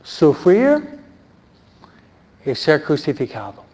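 Slow-speaking male preacher. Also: a little high, huge pitch swings, darkish tone, muffled recording. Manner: conversational, asks the audience questions. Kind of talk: sermon.

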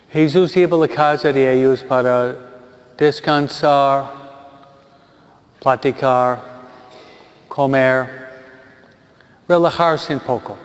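A man, a priest, giving a funeral homily and retelling a story simply, with pauses. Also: mid-range voice. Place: church. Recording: lo-fi recording in a reverberant church.

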